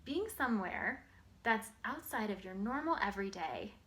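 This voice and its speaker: A woman giving an instructional talk to parents as an early literacy educator, explaining in simple, clear phrases. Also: medium pitch, expressive, moderate pace, fairly bright tone.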